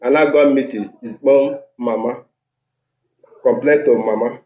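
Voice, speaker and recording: A man's voice: mid-range voice, steady tone, unhurried, dull audio. A man with a Nigerian accent speaks Nigerian Pidgin mixed with English, giving a step-by-step complaint as a tenant into a handheld microphone. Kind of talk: step-by-step account of a grievance. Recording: echoey room, handheld microphone.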